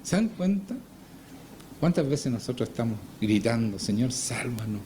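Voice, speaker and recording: A man's voice: mid-range voice, very animated, normal speed, mellow, a little hiss or hum. A man preaching a Sunday sermon in church, often putting rhetorical questions to his congregation. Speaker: pastor. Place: church service.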